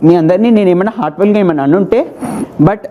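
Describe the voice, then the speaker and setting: A man's voice: high-pitched, racing, phone-quality sound. A man competing on a reality show, talking emotionally and defensively and mixing in English phrases. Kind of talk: heated argument.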